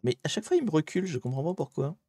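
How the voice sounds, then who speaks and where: A man streaming live, chatting with his viewers as he hunts through online maps and grumbles at the software. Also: on the high side, very animated, racing, breathy edge, no echo. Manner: chatty, talks to chat while searching maps, mildly exasperated. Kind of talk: live-streamed geography puzzle commentary.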